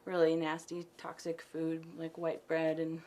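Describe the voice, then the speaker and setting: A soft-spoken, reflective woman talks about raising her son in a documentary interview. Her voice is low-pitched and quite flat in melody. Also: measured pace, a little hiss or hum. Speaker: mother interviewed about parenting.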